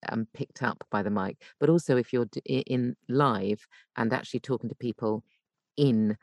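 A woman guesting on a podcast as a voice coach and voice actor explains technique in a low, darkish voice at normal speed, thinking aloud and rewording as she repeats herself. The recording is dry, with no room sound.

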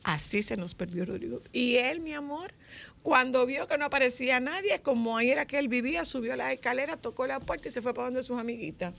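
A woman with a Dominican accent, hosting a casual chat and telling lively stories, acting out the dialogue. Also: high voice, fast talker, vocal fry. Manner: lively storyteller, acts out dialogue.

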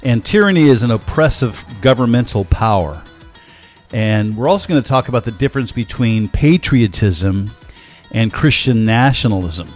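An older American man hosting a program, teaching in an earnest, measured way with frequent pauses. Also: mid-range voice, lively intonation, soft background music. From United States. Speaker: host, Bible teacher. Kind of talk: teaching monologue with personal story.

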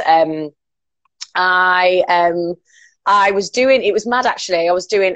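A woman's voice: lowish voice, no room sound. A woman in her late twenties with a Northern English accent, a radio presenter chatting informally as a guest and telling anecdotes. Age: late 20s. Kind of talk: casual chat, telling anecdotes.

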